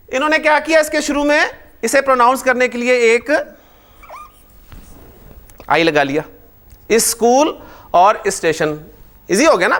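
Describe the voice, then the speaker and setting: High-voiced, animated male grammar teacher. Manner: animated, asks the class frequent check questions. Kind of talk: classroom lecture.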